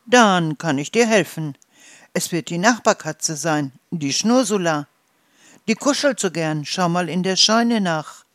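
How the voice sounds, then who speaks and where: A cheerful farmer's wife in a children's story speaks bright and friendly, as a storyteller voices her. The pace is slow, and the recording is dry and close. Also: mid-range voice, animated, no echo. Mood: helpful. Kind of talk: storybook reading.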